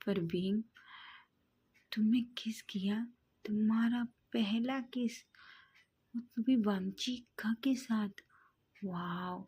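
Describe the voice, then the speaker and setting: A woman voicing an excitable, gossipy young male friend in a read-aloud story, stammering and gushing. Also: mid-range voice, slightly rough.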